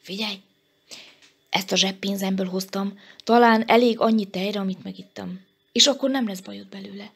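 Woman voicing a bat chick, curious, touchy, peevish, gravelly. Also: mid-range voice, fairly even intonation, fairly bright tone.

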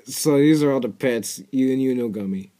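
Speaking at a moderate pace in a warm, medium-pitched voice, this young adult man offers casual commentary on a cartoon. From his small bedroom, he rambles, cracks jokes, mumbles asides and swears into an earbud mic.

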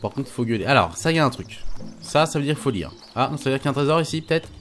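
A man's voice: mid-range voice, lively intonation, very fast, a bit bright, soft background music. A man giving casual let's-play commentary, chatty and stumbling, reading game text aloud and swearing lightly. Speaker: gaming YouTuber.

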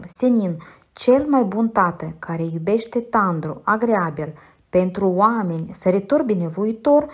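A woman's voice: mid-range voice, natural voice. A woman reading an audiobook, voicing a retired older man who rambles in a wheedling, self-satisfied way and chuckles to himself. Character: retired older man, fussy, giggling, sly. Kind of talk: audiobook character voice.

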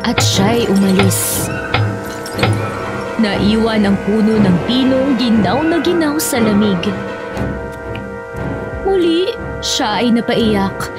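A woman narrator reading a children's story. Her voice sits a little high, and music plays clearly behind her. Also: lively intonation, takes it slowly, long pauses.

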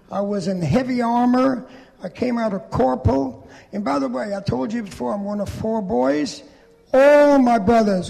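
Creaky high-voiced man in his 80s, echoey hall. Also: darkish tone. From Poland. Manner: plainspoken storytelling with dry humor. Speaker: Holocaust survivor and veteran speaker. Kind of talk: public speech. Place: large event hall.

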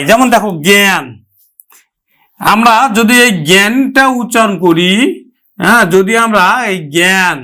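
A man's voice: high-pitched, sharp tone. A man with a Bangladeshi Bengali accent teaching an exam-prep grammar lesson, explaining step by step and repeating words to model their pronunciation.

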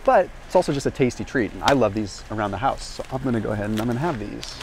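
A man's voice: mid-range voice, animated, fast, noisy background. A man in his thirties talking energetically to camera as he walks a warehouse store aisle, explaining nutrition with a lapel mic. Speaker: health and nutrition vlogger. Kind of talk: educational grocery walk-through. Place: large indoor warehouse store. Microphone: small lapel mic.

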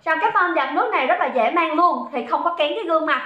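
A woman hosting a livestream sales pitch, chatty and teasing as she reads out viewers' comments. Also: expressive, fast. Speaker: livestream seller. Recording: echoey room, dull sound.

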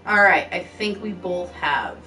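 A woman's voice: on the low side, a little slow, bright, forceful tone. A woman streaming a video game with a friend, talking casually and swearing offhandedly. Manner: laid-back, swears casually. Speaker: gaming streamer. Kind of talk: casual chat while gaming. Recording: distant mic, faint background music.

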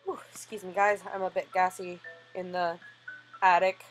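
A woman gamer giving let's-play commentary, reading the game text aloud in an animated way. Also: fairly low pitch, moderate pace, faint music behind, poor audio.

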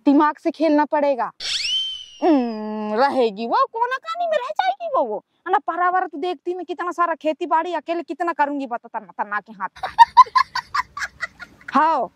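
A woman's voice: sits high, animated, unhurried. A woman in a comedy sketch, chatting on the phone and bickering and scolding.

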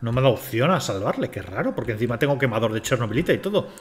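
A man's voice: mid-range voice, sing-song, racing. A man from Spain, swearing and talking to himself as he streams a game. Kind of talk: casual live gameplay commentary.

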